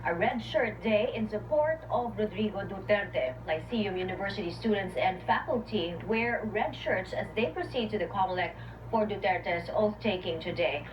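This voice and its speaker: A woman's voice: medium pitch, normal speed, muffled recording. Female news anchor, broadcast delivery, distant sound with noticeable noise. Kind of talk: news anchoring, questioning a live reporter.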